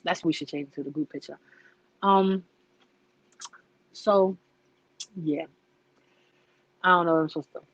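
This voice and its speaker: A woman chatting casually into the camera, telling an animated story full of "like" and asides. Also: deep voice, unhurried, pauses often, no echo, highs cut off. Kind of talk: casual vlog chat.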